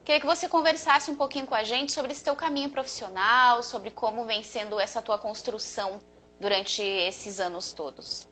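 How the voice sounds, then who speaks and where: Woman hosting a live chat, welcoming guests, bright voice, a bit high. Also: moderate pace, soft background music, poor audio. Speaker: therapist and live-show host. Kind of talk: live video interview.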